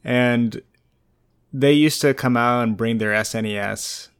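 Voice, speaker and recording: Smooth-voiced, laid-back man chatting. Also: mid-range voice, unhurried. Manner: laid-back, rambling, laughs often. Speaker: podcast co-host. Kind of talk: casual podcast chat.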